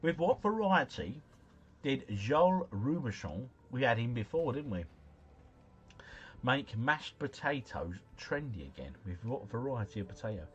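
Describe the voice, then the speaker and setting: Very animated and a little slow, the host speaks with a medium-pitched, slightly rough voice on audio whose highs are cut off. He plays a quiz game on a livestream, joking and chatting with viewers, reading their messages aloud and fumbling foreign names.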